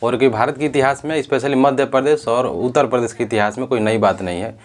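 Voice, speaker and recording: A man's voice: medium pitch, quick pace. A man giving earnest spoken commentary on a social issue, often restarting and correcting himself as he talks. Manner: earnest, repetitive, with frequent self-corrections.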